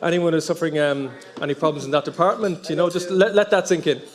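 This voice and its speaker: Event host: high-voiced man with a west of Ireland accent, introducing guests and bantering as he interviews. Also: steady tone, quick pace. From Galway, Ireland. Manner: jokey, chatty. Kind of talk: master of ceremonies presenting and interviewing.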